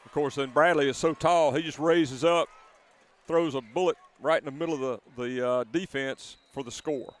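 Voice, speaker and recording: A man giving color commentary at a live high school football game, conversational and prone to restarting his sentences. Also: steady tone, moderate pace. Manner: conversational, repeats words as he restarts.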